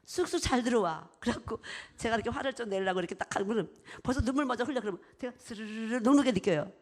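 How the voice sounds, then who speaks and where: A woman preaching a sermon. She swings between soft whispers and loud, emphatic bursts, and acts out little exchanges as she talks. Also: fairly high pitch, fast talker. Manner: expressive, acts out little exchanges in her talk.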